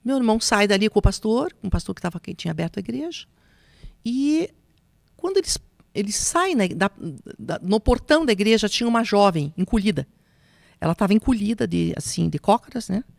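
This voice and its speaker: A woman telling an emotional personal testimony, slipping into soft whispers and a preaching tone. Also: mid-range voice, animated, fairly quick, gravelly, no room sound, clean studio sound. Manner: emotional, drops to soft whispers when recounting quotes; preaching tone on spiritual points. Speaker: guest giving testimony.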